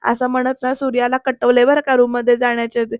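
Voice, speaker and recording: A woman recaps a TV serial episode in a chatty voice-over, slipping into the characters' lines as she goes. Her voice is high, and the close mic gives a dry sound with no room echo. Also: little pitch movement, fast talker, a little mellow, smooth, muffled recording. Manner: chatty, retelling with quoted lines. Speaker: serial reviewer.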